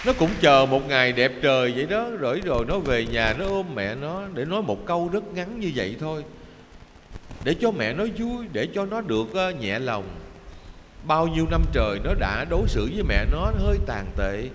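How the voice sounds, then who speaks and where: Emotive Southern Vietnamese monk preaching. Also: male voice, on the high side, sing-song, normal speed, fairly bright tone. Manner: emotive, addresses listeners as children. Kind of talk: Dharma talk storytelling. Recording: reverberant hall, faint background noise.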